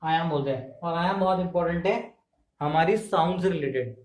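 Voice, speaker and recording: A man with a fairly high voice teaches an exam-prep class, posing questions and answering them himself. He repeats key terms to drill them in. The sound bounces around the room he is filmed in. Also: brisk, darkish tone. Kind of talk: classroom lecture. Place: indoor room filmed on camera. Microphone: camera mic. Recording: echoey room.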